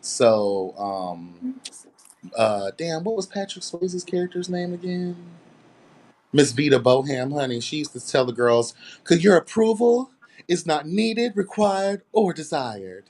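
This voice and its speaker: A man in his late thirties in casual group chat, telling stories in a sassy, drawn-out way and calling everyone honey. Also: on the high side, very animated, a little mellow. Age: 30s. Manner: sassy, drawling storyteller, calls others honey.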